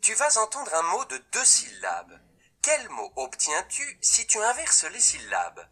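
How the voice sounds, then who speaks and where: A man reading scripted instructions to a child in a reading app, clearly articulating and dictating single words. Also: high-pitched, wildly swooping pitch, unhurried, sharp tone.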